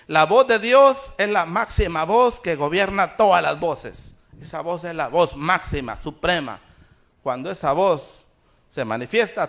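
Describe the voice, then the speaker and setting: In church, a pastor delivers a sermon in a high, fairly bright male voice. His preaching builds in intensity as he fires rhetorical questions at the congregation and piles up repeated phrases.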